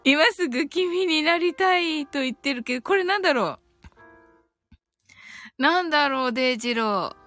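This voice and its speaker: Giggly woman reading comments aloud, high voice. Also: lively intonation, moderate pace, pauses often, fairly bright tone, soft background music. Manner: giggly, reads comments aloud with frequent laughter. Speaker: live stream host reading listener comments. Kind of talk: casual live chat.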